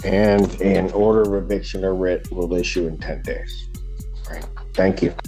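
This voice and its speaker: A man's voice: low-pitched, fairly even intonation, unhurried, warm tone, faint music behind. A man serving as judge, patiently explaining a ruling step by step in a courtroom recording. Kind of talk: courtroom proceedings.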